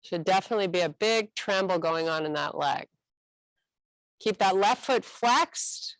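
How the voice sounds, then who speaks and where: A woman instructor guiding a stretching class with calm, encouraging cues. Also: mid-range voice, no echo, poor audio. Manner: calm, encouraging cueing with a slow, unhurried delivery.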